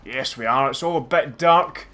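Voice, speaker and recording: A man's voice: mid-range voice, normal speed, soft background music. A man with a Scottish accent giving casual, chatty and self-mocking commentary over a game as a let's play host. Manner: chatty, self-mocking, bursts into loud laughs.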